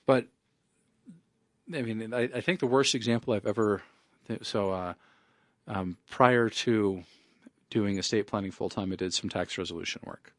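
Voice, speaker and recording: A man's voice: on the low side, moderate pace, no room sound. Wry, chatty lawyer man, dry sound. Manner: wry and conversational, leans on "you know". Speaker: estate planning attorney. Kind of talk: casual spoken monologue.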